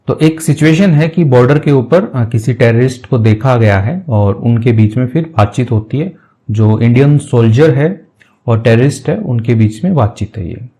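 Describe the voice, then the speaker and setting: Mellow-voiced male language teacher. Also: mid-range voice, expressive. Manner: reads English phrases slowly, then explains word by word. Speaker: English teacher. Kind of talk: explanatory lesson, translating English to Hindi.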